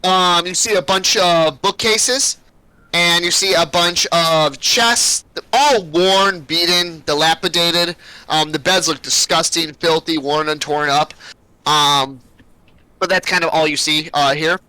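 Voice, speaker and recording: A man runs a tabletop game in a bright, slightly high voice, narrating loosely with lots of "uh" and "um". The sound is close and dry, with no room at all. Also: fairly even intonation, slow pace, smooth, dry recording, low-quality recording. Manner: loose, rambling narration with fillers. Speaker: game master.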